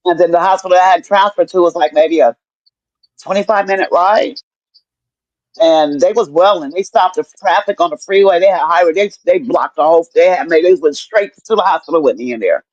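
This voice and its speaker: A middle-aged woman telling her story in casual chat, animated and profane, acting out what people said to her. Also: fairly low pitch, a little fast, no echo. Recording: dull lo-fi dry sound.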